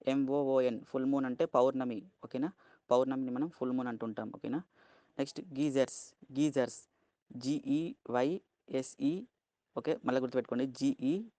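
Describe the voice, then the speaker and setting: Male teacher, Telugu accent, patient and slow, spells out every word, dry close sound. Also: medium pitch, dry recording. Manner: slow, spells words letter by letter, keeps asking "okay?". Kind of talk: vocabulary lesson.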